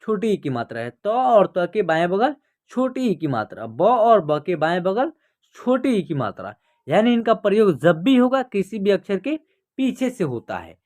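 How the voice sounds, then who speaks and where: Guy teaching kids to read online, very lively pitch, drags words out syllable by syllable. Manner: slow, drawn-out reading of words; rhetorical questions he answers himself. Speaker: Hindi reading teacher. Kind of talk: online lesson.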